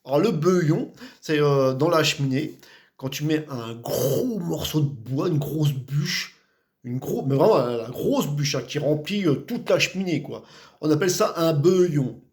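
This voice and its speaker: A man's voice: fairly high pitch, animated, measured pace, a little mellow. Chatty man with a Vosges accent. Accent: Vosges French. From Vosges, France. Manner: chatty, repetitive, many fillers and restarts. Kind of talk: casual vlog explaining local words.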